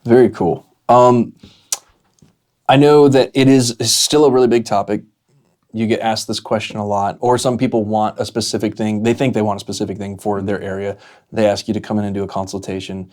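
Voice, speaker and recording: An American man co-hosting a podcast, talking casually and conversationally, often halting and rephrasing as he goes. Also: on the low side, flat delivery, darkish tone. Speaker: podcast co-host.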